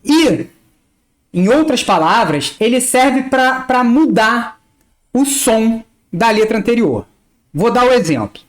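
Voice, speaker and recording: Woman teacher, Rio accent, very slow and deliberate, lively pitch, spelling out letters and words one by one. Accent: Rio de Janeiro Portuguese. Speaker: language teacher. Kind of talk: slow, careful pronunciation lesson.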